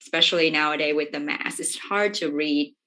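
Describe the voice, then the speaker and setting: A woman's voice: sits low, brisk, bright, forceful tone. A woman doctor hosting an online workshop over a video call, speaking with many fillers.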